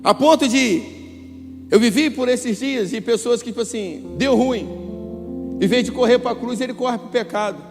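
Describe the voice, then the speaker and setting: A man with a Brazilian Portuguese accent preaching a sermon as pastor, telling stories lively and acting out the dialogues. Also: very high voice, normal speed, vocal fry. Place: church hall. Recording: hall reverb with music behind.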